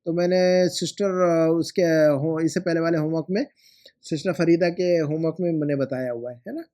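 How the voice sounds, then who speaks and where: A man teaches Arabic grammar, patiently correcting homework and repeating words slowly. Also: on the high side, steady tone, mellow. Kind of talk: explanatory lesson.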